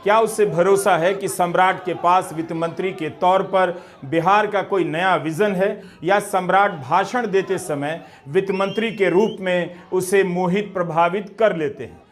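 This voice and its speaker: A man delivering scripted political commentary in a measured, critical tone with rhetorical questions. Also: sits high, steady tone. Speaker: news commentator.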